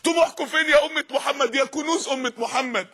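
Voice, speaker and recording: An Egyptian man preaching an impassioned sermon, shouting repeated refrains. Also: extremely high pitch, quick pace.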